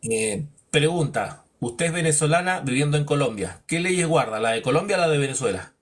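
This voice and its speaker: A man teaches a Bible lesson in a preaching style, animated and fairly quick, posing rhetorical questions and acting out imagined dialogues. He's emphatic and drops his voice low when delivering verdicts.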